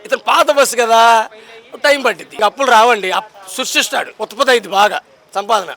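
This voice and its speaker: A man's voice: very high voice, fast, vocal fry, sharp tone. A young man, arguing politics outdoors in a street poll, emphatic and combative, firing off rhetorical questions. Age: young adult. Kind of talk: impassioned political street talk.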